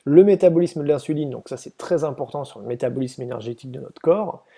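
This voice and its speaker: Man explaining slides, gravelly and hesitant. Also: mid-range voice, fast, mellow. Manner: hesitant, many fillers and restarts; casual explanatory tone. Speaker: presenter briefing volunteers.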